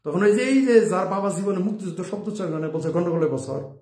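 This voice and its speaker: In an echoey, roomy recording, a male political commentator rattles through an opinionated monologue at a fast clip, his high, mellow voice throwing out rhetorical questions and chuckling at his own remarks.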